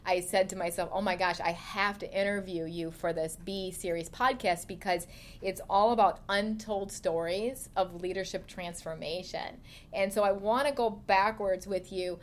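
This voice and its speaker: A woman's voice: medium pitch, normal speed, a little hiss or hum. Encouraging middle-aged woman hosting a podcast. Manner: encouraging, enthusiastic interviewer. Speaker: podcast host. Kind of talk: casual interview.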